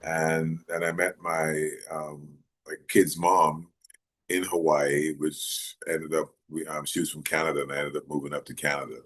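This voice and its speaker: A middle-aged man from Jamaica, raised in Maryland, chatting in an interview in a relaxed, rambling way with many fillers. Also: a bass voice, normal speed. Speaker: actor guest. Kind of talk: casual interview chat.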